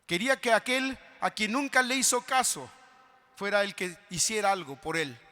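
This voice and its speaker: A man preaching a fervent sermon as pastor, swinging from quiet appeals to loud shouted cries. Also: sits high, normal speed. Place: large convention hall. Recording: long hall reverb.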